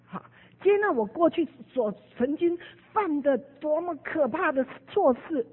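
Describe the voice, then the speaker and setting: A woman preaching a sermon, telling stories and acting out the people she quotes with sudden jumps in pitch and loudness. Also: lively intonation, unhurried. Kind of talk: sermon with storytelling. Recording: narrow phone-like radio broadcast.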